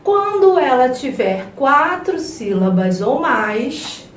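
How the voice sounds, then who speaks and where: A Brazilian woman teaching a review lesson to young children, stretching words out slowly and playfully. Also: high-pitched, sing-song, echoey room, distant mic. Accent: Brazilian Portuguese. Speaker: primary school teacher.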